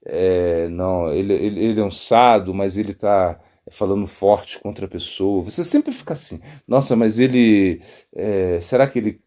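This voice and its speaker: A man's voice: low-pitched, a little mellow. A Brazilian monk giving a sermon, rambling with many fillers and restarts, acting out quoted voices as he tells stories. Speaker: monk teaching devotional yoga. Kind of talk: sermon, spiritual talk.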